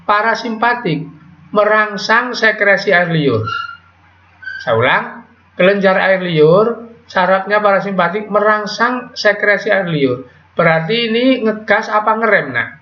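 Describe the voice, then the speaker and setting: A man's voice: sits high, lively intonation, measured pace. Man teaching a classroom lesson. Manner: quizzing students with call-and-response questions; casual, with Javanese slang words. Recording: echoey, dull lo-fi classroom audio.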